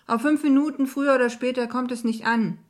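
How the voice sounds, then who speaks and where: An easygoing young man, read by a woman, calm and gently teasing, helpful and unhurried. He sounds like a partner from an audiobook story. His voice sits a little low. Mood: cheerful.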